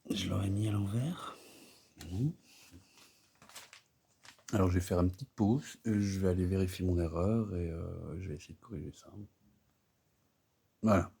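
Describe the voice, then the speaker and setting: A man's voice: deep voice, moderate pace, vocal fry, pauses often, dark tone, husky. A man chatting casually while building a Lego set, rambling and hesitant, full of fillers and self-mocking asides. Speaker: Lego builder and video host.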